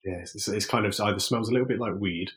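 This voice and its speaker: A man's voice: fairly low pitch, fast talker. A man co-hosting a podcast, chatting in a mild, easygoing way. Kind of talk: casual chat.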